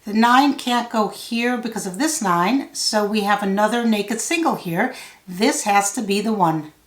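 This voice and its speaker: A woman tutor thinks out loud as she works through a solve-along lesson. Her delivery is slow and methodical, with a medium-pitched voice. The recording has a noticeably roomy echo. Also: expressive. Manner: thinking out loud step by step, measured. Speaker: puzzle tutor. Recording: roomy, echoey sound.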